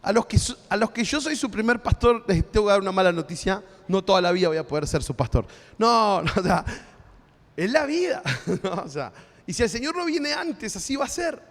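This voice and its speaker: A male pastor with an Argentine accent preaches in an easy, conversational way and keeps checking in with his listeners. His voice sits high for a man. The sound carries a long reverb from a church hall. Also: lively intonation, a little fast, fairly bright tone. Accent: Argentine Spanish. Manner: conversational preaching with frequent tag questions. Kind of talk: sermon.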